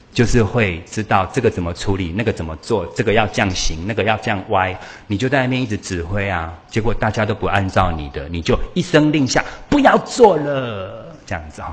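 A man giving a lively church teaching on pastoral care, acting out what people say and laughing often. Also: on the low side. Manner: animated, acts out quoted voices, laughs often. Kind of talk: lively sermon talk.

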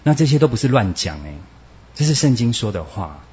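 A man preaching a sermon, animated and acting out quoted voices, with Hokkien words mixed in. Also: medium pitch, fairly quick. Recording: dull lo-fi recording.

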